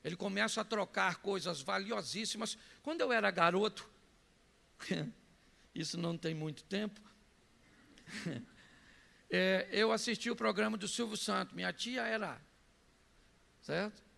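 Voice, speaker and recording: A man with a Brazilian Portuguese accent preaching a sermon, telling stories and breaking into shouts. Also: sits high, unhurried, creaky, long pauses, in a large hall. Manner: storytelling preacher who bursts into shouts. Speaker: pastor.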